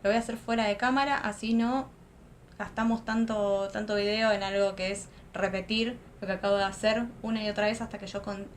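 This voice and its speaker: A woman's voice: mid-range voice, steady tone, a little fast, slight background noise. Chatty young woman vlogger. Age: young adult. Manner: chatty, thinks aloud with fillers. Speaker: makeup vlogger. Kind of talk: casual makeup tutorial. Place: home room, close to a lamp.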